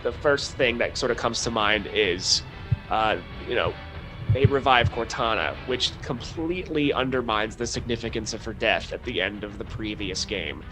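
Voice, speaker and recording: A man's voice: mid-range voice, normal speed, music in the background, poor audio. A man co-hosting a podcast in casual chat, blunt and wry, with many fillers, on a podcast mic. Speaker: podcast co-host.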